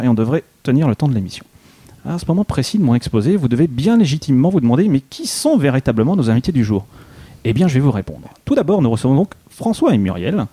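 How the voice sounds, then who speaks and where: A man's voice: mid-range voice, mellow, slightly rough. A man co-hosting a radio show, reading a mock-solemn, ironic introduction. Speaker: co-host. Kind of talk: scripted humorous introduction.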